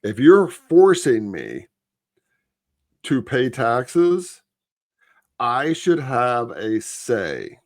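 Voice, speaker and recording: A man co-hosting a podcast, talking politics in a blunt, profane, casual way and letting his phrase ends drop low. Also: huge pitch swings, drawn-out words, long pauses, darkish tone, dry recording, clean studio sound. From Florida. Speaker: podcast co-host.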